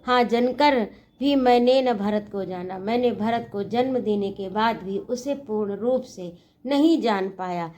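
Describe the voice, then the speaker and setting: A woman's voice: mid-range voice, darkish tone. A woman teacher explaining a poem, reciting each line and then paraphrasing it in simple words. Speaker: Hindi teacher.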